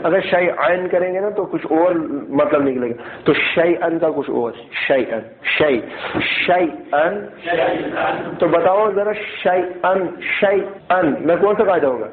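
A man's voice: fairly high pitch, slight background noise. Man teaching in an echoey room. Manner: asks students questions and repeats key points; slowly drills syllables aloud, half-chanted. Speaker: Quran recitation teacher. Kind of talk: classroom tajweed lesson. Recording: echoey room, thin phone-like sound.

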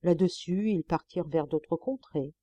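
A woman reading a fairy tale aloud in an expressive, animated storybook narration. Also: on the low side, moderate pace, no echo. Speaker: audiobook reader.

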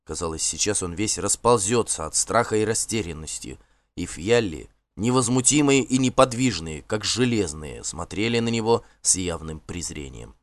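A man narrating an audiobook in a measured, expressive reading. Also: deep voice, no echo.

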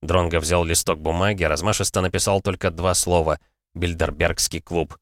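A man narrating an audiobook in an even, steady reading. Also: low voice, fairly quick, no room sound, studio quality. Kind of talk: scripted narration.

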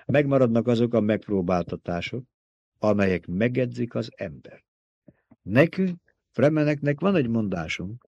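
A man voicing a cold, commanding young male ruler in an audiobook, speaking in a measured way as he dictates terms. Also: medium pitch, creaky, darkish tone, dry recording, dull audio. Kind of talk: audiobook reading.

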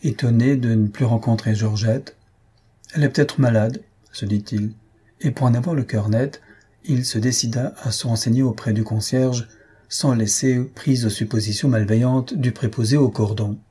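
A man reading a classic novel aloud as narrator, measured and steady. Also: mid-range voice, breathy edge. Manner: measured storytelling. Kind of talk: audiobook reading.

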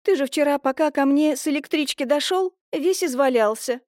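A bustling, scheming middle-aged village woman, voiced by a woman reading a story aloud. She fusses and exclaims, her voice lifted well above the reader's own and pushed loud. The sound is dry and close, with no room echo. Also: sits high, voice pushed up, close to an everyday voice. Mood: fussy. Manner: fast, fussy, exclamatory.

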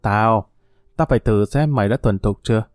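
A man's voice: fairly low pitch, moderate pace, no room sound, studio quality, faint music behind, lightly acted. A man playing a cruel male pimp who speaks in a harsh, threatening, contemptuous way. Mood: menacing. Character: brutal male pimp, cold and menacing.

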